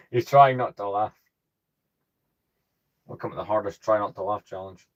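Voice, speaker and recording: A host from the UK with a British accent keeps his casual livestream calm and soothing, drifting into chatty, self-deprecating tangents. His voice sits on the low side and he's unhurried.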